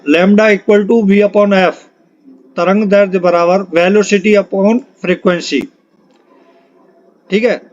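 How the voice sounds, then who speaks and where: A high-voiced man, an exam-prep physics teacher, runs a quiz-style question-and-answer lesson, reading out each question and its options. He speaks instructionally and repeats questions and answers for emphasis, and the recording sounds dull and lo-fi.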